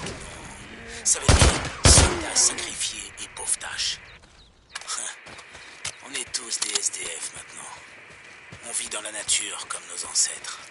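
Un comédien doublant, pour un jeu vidéo, un homme amer qui prêche sa rancœur contre le gouvernement dans une émission de radio pirate, d'un ton méprisant et moqueur. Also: male voice, medium pitch. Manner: scornful, preaching, mocking. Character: bitter anti-government man ranting on pirate radio. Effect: pirate radio broadcast heard over a radio. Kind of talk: video game dub.

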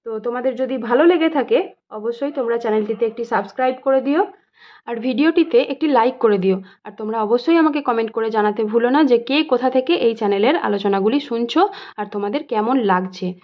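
High-voiced woman tutor, lo-fi sound. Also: brisk. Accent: Bengali. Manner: reads story lines aloud, then explains them plainly. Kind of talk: reading and explaining a story to students. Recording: dull lo-fi sound.

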